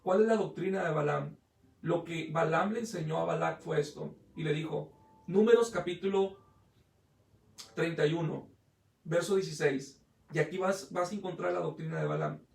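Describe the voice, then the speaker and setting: A man's voice: fairly high pitch, expressive, moderate pace, creaky, darkish tone, roomy sound, recorded from a distance. A man preaching a sermon as pastor, retelling a story with acted quotes, often hesitating and restarting. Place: church hall.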